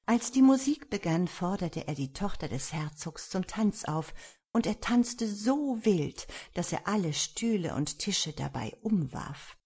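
Husky-voiced woman reading a fairy tale. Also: fairly low pitch, a little slow. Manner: lively, expressive narration. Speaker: storyteller. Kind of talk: storybook reading.

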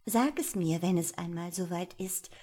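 A woman voicing a haughty young noblewoman in an audiobook, speaking softly and languidly, half in a whisper. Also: lowish voice, moderate pace, voice pushed up, natural voice. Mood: cool, menacing. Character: cold, aloof young noblewoman, haughty mistress. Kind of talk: audiobook character voice.

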